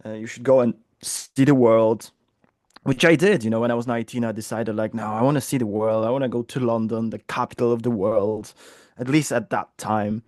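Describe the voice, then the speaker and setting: A man's voice: mid-range voice, fairly even intonation, a little fast, darkish tone, dry recording, studio quality. A man in his thirties from Poland with a Polish accent, an interview guest speaking in an upbeat, chatty way with many fillers. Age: 30s. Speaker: guest, business coach. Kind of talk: casual interview talk. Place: home office in London.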